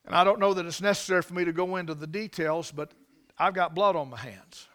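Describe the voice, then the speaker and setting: Male preacher, high-pitched, fervent sermon storyteller. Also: fast talker. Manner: swings from hushed to loud and fervent.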